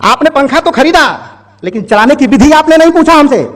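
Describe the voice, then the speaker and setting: A man's voice: very high-pitched, expressive, normal speed, voice pushed up. A man voicing a crafty, cheeky male fan peddler who keeps repeating his sales claims in a storytelling talk.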